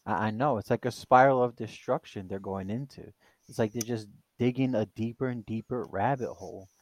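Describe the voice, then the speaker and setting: A man's voice: on the low side, brisk. A man co-hosting a casual podcast who rambles with many fillers and restarts. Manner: rambling, hesitant, full of fillers. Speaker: podcast co-host.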